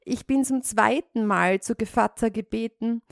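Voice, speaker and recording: A woman's voice: on the high side, moderate pace, creaky, no room sound, studio quality, pitched above the performer's own voice. A woman voicing a sly, greedy female cat in a storybook reading, with a smug, honeyed manner.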